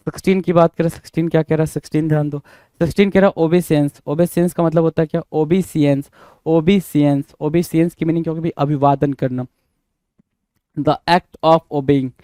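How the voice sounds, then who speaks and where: Male tutor, fairly high, mellow tone, dry recording, repeats and spells words. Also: steady tone, fast talker, no echo. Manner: repetitive, spells words letter by letter, quizzing the viewer; mixes Hindi and English. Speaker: English vocabulary teacher. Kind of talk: exam-prep vocabulary lesson.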